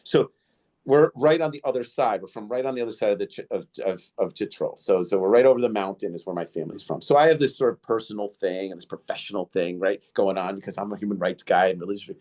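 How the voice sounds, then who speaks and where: Rambling through stories in a casual podcast interview, this host keeps using fillers and restarting his sentences. His first language was Indo-Greek. He has a fairly low, a little mellow voice and a quick pace.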